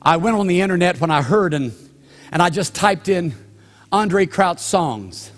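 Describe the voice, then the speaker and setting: An older male pastor tells a story from the pulpit, pausing often and slowing down to land each point. His voice sits a little high for a man. The sound carries the long, lingering reverb of a church sanctuary. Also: expressive. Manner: storytelling, drawn-out pauses, slows down for emphasis. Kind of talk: sermon.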